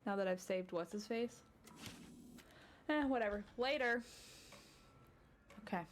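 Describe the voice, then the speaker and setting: This let's play host speaks at a medium pitch and a slightly slow pace. Her casual gaming chatter wanders through asides and breaks into sudden startled yelps, all over background game music.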